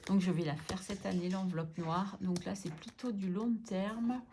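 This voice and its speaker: Woman vlogging at home, chatty, talks to herself, mid pitch, noisy background w paper crinkling. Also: steady tone, moderate pace, warm tone. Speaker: budgeting vlogger. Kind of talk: casual chat while sorting envelopes.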